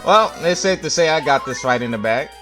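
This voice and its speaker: A man's voice: a little high, animated, a little fast, bright, forceful tone. A man giving casual, joking gameplay commentary and teasing himself as he plays. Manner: joking, playful, self-mocking. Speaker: let's-play gamer. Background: faint game music.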